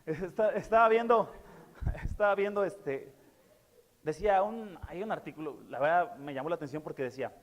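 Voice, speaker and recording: A man's voice: on the high side, moderate pace, long reverb tail. A man preaching a sermon as pastor, earnest and repeating key words, with many fillers. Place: church.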